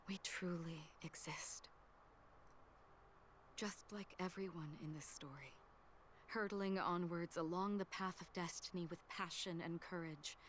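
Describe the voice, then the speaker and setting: A gentle young woman narrates a farewell in a soft, breathy game voice, drifting between murmur and whisper. Her voice sits somewhat low, with a faint hiss underneath. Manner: hushed, half-whispered, wistful.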